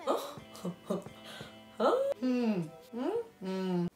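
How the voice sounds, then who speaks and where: A woman's voice: a little high, wildly swooping pitch, extremely slow, a little mellow. A young woman talking straight to her viewers in a casual, slangy vlog monologue. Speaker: vlogger. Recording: echoey room with music behind.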